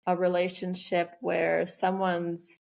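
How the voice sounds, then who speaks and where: A woman's voice: on the low side, completely flat delivery, slow, gravelly, darkish tone. A woman co-hosting a podcast, talking in a reflective, rambling way with many fillers and restarts. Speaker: podcast co-host. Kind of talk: casual conversational chat.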